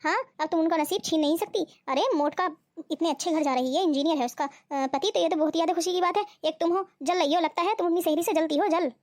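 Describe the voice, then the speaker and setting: A woman's voice: very high voice, quick pace, few pauses, a little mellow, no echo, studio quality. A woman voicing a lazy, hungry husband in a cartoon, who scolds his wife. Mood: scolding. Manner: scolding, nagging. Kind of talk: cartoon voice acting.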